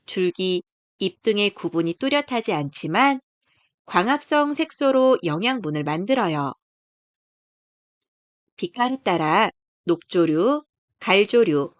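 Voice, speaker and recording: Narrating a scripted children's nature book, this storybook reader uses a medium-pitched woman's voice and explains things carefully as she reads aloud. There's no echo, though the audio sounds dull.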